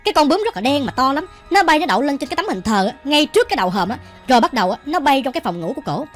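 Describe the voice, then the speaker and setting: A woman's voice: high-pitched, sing-song, racing, faint music behind. A woman with a Southern Vietnamese accent telling a ghost story in a chatty way, often speaking directly to her listeners. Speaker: storytelling channel host. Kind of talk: ghost story narration while cooking.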